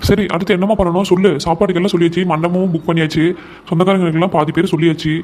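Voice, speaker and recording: Man voicing a fast, high-voiced devoted cartoon husband. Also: flat delivery, darkish tone, close to an everyday voice. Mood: pleading. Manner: earnest, pleading, stubbornly defends his wife. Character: young husband torn between his mother and wife. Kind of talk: cartoon voice acting.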